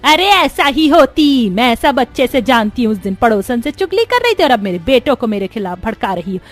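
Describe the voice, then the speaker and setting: A woman voicing an angry older mother-in-law in a cartoon story, sharp-tongued and scolding. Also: on the high side, sing-song, fairly quick, soft background music, voice pushed up.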